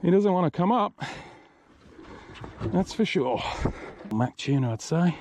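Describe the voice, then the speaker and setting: A man's voice: high-pitched, animated, unhurried. An Australian man chatting casually to camera outdoors on a boat, in a laid-back, matey way, as a fishing vlog host. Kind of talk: casual chat to camera while boating. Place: outdoors on a small open boat at sea. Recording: clear boat and water noise. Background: boat and water noise.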